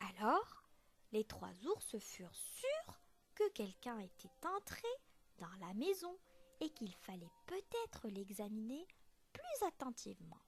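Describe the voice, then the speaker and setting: A woman teacher reading a children's story aloud in a slow, expressive storytelling voice. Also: on the high side, husky.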